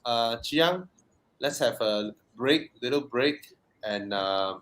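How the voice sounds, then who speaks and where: A Malaysian man with a mid-pitched voice hosts a casual live chat. He speaks colloquially and banters in a joking way with the people around him. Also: lively intonation, slow pace, fairly bright tone. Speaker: host.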